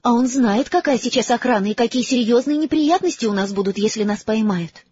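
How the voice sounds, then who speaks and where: A man voicing a clever, bossy teenage girl in an audiobook, brisk and earnest. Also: very high-pitched, a little mellow, a little hiss or hum, pitched above the performer's own voice. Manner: brisk, earnest, a little lecturing. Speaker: audiobook character voice. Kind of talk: audiobook character reading. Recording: slightly dull, dry recording.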